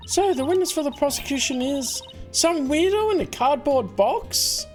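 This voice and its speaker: A woman voicing an excitable, easily startled young woman in a video game, full of surprised exclamations. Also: sits high, normal speed, soft background music, voice pushed up. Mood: perky, indignant. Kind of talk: video game character read aloud.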